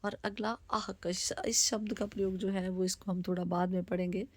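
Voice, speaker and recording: A woman teaching vowels, reading words out slowly one by one as a teacher. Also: medium pitch, level tone, darkish tone, no echo. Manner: slow, deliberate word-by-word reading. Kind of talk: slow spoken Hindi alphabet lesson.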